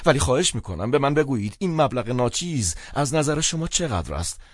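Man doing broke clown about thirty, urgent, pleading, stammering, animated voice, dry sound. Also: mid-range voice, no room sound, pitched above the performer's own voice.

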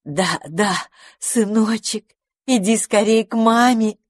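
A woman's voice: medium pitch, slow, pitched above the performer's own voice. A woman voicing an anxious mother forest mouse with an agitated manner. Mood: coaxing.

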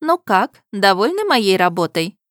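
A woman's voice: medium pitch, very animated, a little slow, no room sound, clean studio sound. A woman narrator putting on a fussy, easily offended middle-aged woman dressmaker in an audiobook. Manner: fussy, exasperated.

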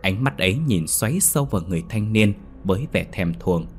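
A man narrating a ghost story in a lively, expressive storybook manner. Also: lowish voice, a little fast, faint music behind.

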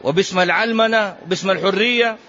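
A man's voice: high-pitched, fast talker, pushed and bright. A man teaching as a sheikh in a religious lesson, speaking with passion and firing off rhetorical questions. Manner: impassioned, fires rhetorical questions. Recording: muffled lo-fi lecture recording.

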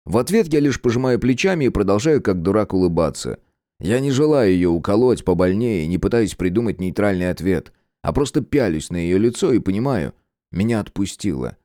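Wry, low-voiced male audiobook narrator. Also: animated, a little fast, dark tone, no room sound, studio quality. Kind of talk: first-person scripted narration.

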